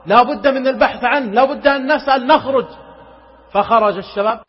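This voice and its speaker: Speaking fast at an extremely high pitch, a man delivers an emotional sermon, narrating a story with drama, pleading passionately, and now and then chanting verses melodically. Slight background noise accompanies the muffled audio, which carries a long hall reverb.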